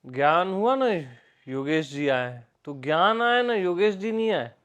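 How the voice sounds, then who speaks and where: An Indian man leads a relaxed satsang, speaking slowly and unhurriedly. His voice sits a little high for a man. He keeps returning to the same words and puts questions to the people in front of him. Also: clear, resonant tone, highs cut off. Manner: repetitive, questioning, conversational teaching. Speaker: spiritual teacher. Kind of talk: informal satsang discourse.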